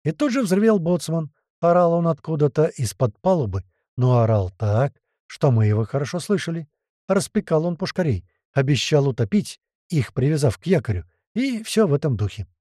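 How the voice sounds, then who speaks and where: A man narrating an audiobook in the first person, with lively, slangy storytelling. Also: fairly high pitch, normal speed, no echo, clean studio sound.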